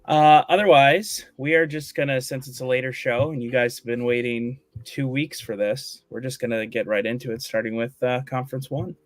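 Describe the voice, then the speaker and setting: A man's voice: mid-range voice, normal speed, few pauses, no echo. A man hosting a live online show, talking casually with fillers and jokes. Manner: relaxed, joking, many fillers. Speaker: host. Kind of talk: casual live-stream chat.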